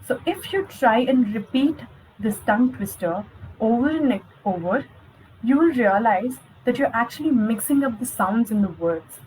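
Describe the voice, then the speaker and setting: A woman's voice: on the high side, darkish tone, slight background noise, low-quality recording. A young woman, giving an encouraging online lesson as a spoken coach, speaking directly to her viewers. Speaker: spoken English skills coach.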